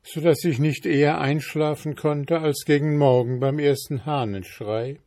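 A man voicing a bold young maid in a spoken folk tale, answering with calm, quick-witted retorts. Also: on the high side, voice pushed up. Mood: pert, unafraid. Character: brave, cheeky young maid.

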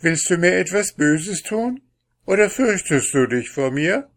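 Storybook princess, young and carefree, bright and lilting, read by a man. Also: big pitch swings, slow pace, exaggerated voice. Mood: playful. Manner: bright, high and playful.

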